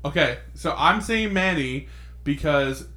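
Young male co-host, lively delivery, slightly higher pitch, joking banter. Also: unhurried. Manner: joking, swearing, laughs often. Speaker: podcast co-host. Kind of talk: casual chat.

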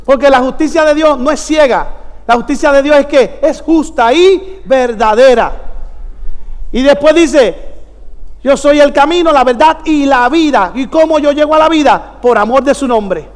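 High-voiced fervent preacher in an echoey hall. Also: male voice, normal speed. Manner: fervent, preaching with emphatic shouts. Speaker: pastor. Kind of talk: sermon.

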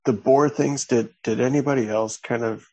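A man's voice: medium pitch, steady tone, moderate pace, a little mellow, dull audio. A man in a casual chat, throwing in offhand, rambling asides.

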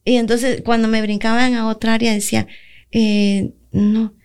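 A woman's voice: on the high side, little pitch movement, normal speed, darkish tone, clean tone. A woman pastor with a Latin American Spanish accent giving an earnest testimony on a church radio program, acting out her own prayers as she tells the story.

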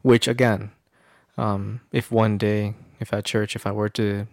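Even-toned, low-voiced man, roundabout and casual. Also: unhurried, no room sound, clean studio sound. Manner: hesitant, roundabout, often seeking agreement with tag questions. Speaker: podcast co-host. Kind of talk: casual religious discussion.

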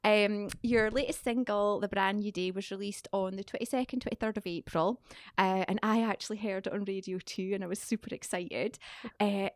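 A middle-aged woman hosts a casual studio podcast, bubbly and prone to tangents. Her voice sits in a middle pitch. The sound is dry and close, with no room around it. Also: moderate pace, hardly any pauses, no room sound. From Scotland. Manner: chatty, excitable, goes off on tangents. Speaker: podcast host.

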